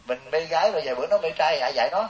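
Animated monk preaching. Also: male voice, fairly high pitch, rapid-fire. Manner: animated, joking, storytelling with quoted voices. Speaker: Buddhist monk teacher. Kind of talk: dharma talk to a lay audience. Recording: hissy distant recording.

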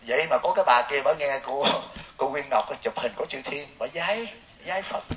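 A man's voice: mid-range voice, normal speed. A man, a Buddhist monk giving a joking, storytelling dharma talk to lay listeners. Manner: animated, joking, storytelling with quoted voices. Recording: hissy distant recording.

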